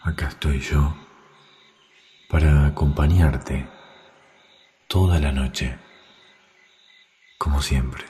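Man, extremely deep voice, warm dark tone, soft soothing sleep meditation. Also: steady tone, extremely slow, long pauses, a little hiss or hum. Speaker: meditation guide.

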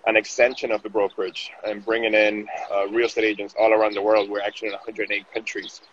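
Speaking fast in a lowish, fairly bright voice with little pitch variation, this man is a Venezuelan digital marketing director being interviewed outdoors in the city. He talks casually and keeps restarting, and the audio is dull with faint noise.

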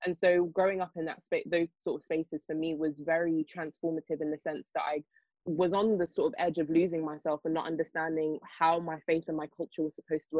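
A young woman on a discussion panel talks fast in long runs full of ums and sort-ofs. Her pitch barely moves. The sound is dry and slightly muffled, with no room around it. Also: dry recording. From Nigerian heritage, raised in the UK. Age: young adult. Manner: fast, hesitant, lots of fillers and restarts. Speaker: panel guest, children's author.

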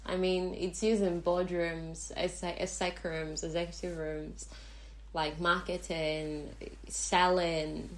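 Nigerian woman podcaster with a lowish voice. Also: flat delivery, takes it slowly. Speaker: podcast host. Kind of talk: casual chat.

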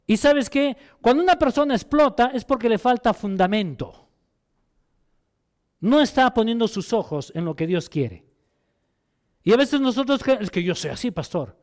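High-voiced preaching man. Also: lively intonation, normal speed, long pauses. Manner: preaching with rhetorical questions and acted quotes. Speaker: pastor. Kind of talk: sermon.

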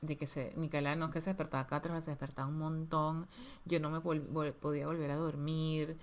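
A woman's voice: low-pitched, flat delivery, quick pace. A woman speaking candidly and emotionally about being a mother, repeating words for emphasis. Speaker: podcast co-host, mother of a toddler. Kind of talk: candid casual chat.

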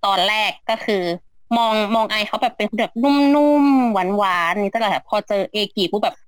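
A woman's voice: medium pitch, normal speed, no echo. A woman chatting casually as a guest fan, enthusiastic and giggly. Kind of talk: casual chat.

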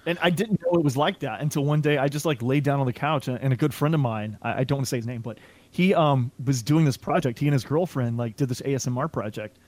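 A man's voice: medium pitch, quick pace, a little mellow, dry recording. A man in casual podcast chat, full of fillers and swearing freely.

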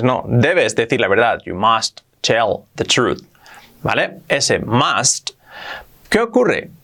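Lively man from Spain teaching English. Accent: Spanish from Spain. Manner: lively, repeats words for drilling, pitch jumps up for emphasis. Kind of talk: explaining grammar to camera.

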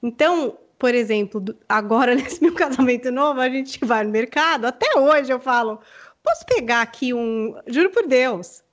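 A Brazilian woman co-hosting a relationship podcast, chatting in a lively way with laughs and personal anecdotes. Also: high voice, normal speed, hardly any pauses. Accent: Brazilian Portuguese. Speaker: presenter co-host. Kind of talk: podcast conversation.

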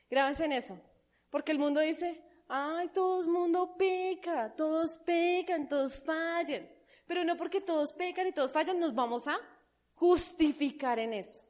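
Woman preacher, high voice, sermon with call-and-response.

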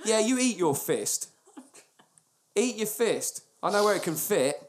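A man's voice: high-pitched, big pitch swings, measured pace, slight background noise. A man with a British accent in casual comic banter as a podcast co-host, sweary and mock-indignant.

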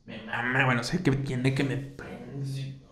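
A man's voice: medium pitch, little pitch movement, measured pace, fairly bright tone. A young man, cracking cocky jokes in casual chat with friends. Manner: joking, cocky banter. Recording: echoey room with chatter behind.

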